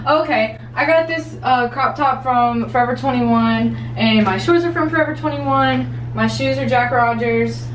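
A woman's voice: sits high, moderate pace, hardly any pauses. A young woman chatting casually with a friend on a vlog, making short offhand remarks. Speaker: vlogger's friend. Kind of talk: casual chat. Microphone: handheld camera. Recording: noisy handheld camera audio.

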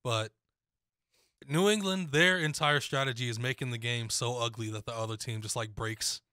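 An opinionated young man with a bright, pointed voice gives his football picks in casual studio chat. The mic is close and the room dry. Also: medium pitch, clean tone, no echo. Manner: opinionated, quick laughs and restarts. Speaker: sports show co-host. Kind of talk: casual sports talk. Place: small studio with foam panels. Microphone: studio mic on boom, headphones.

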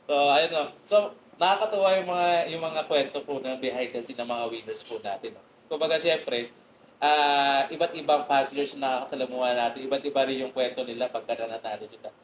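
A man's voice: mid-range voice, brisk. A man hosting a casual interview, encouraging his guest with short reactions and follow-up questions. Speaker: podcast host. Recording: roomy echo, faint hiss.

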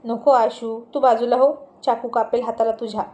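A woman voicing a good-humored, bashful housewife who gently scolds her husband. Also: a little high, flat delivery, moderate pace, natural voice. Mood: affectionate.

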